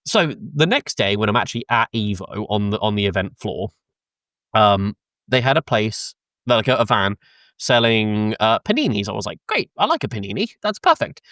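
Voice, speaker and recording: A young British co-host on a casual podcast rambles through an anecdote, swearing, laughing and saying um a lot. He has a lowish, slightly bright voice at a moderate pace, recorded at studio quality on a close mic with a dry, echo-free sound.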